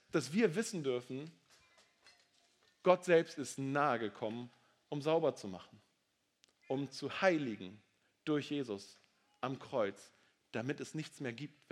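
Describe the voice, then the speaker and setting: A man preaching a sermon, swinging between loud, emphatic declarations and soft, low asides.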